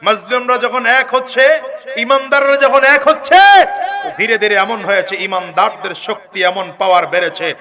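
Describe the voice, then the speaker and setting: A man preaching to a large gathering. He calls on the crowd to answer loudly and swings between shouting and low asides. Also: steady tone, fairly quick. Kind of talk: sermon.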